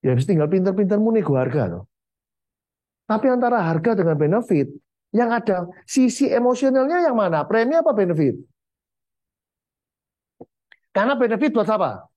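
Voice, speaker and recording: A man with an East Javanese accent coaching insurance agents in a blunt, motivational training talk. His pitch swings widely from high to low as he drives his points home. He slips English sales terms into his speech. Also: big pitch swings, fairly quick, a little mellow, no echo.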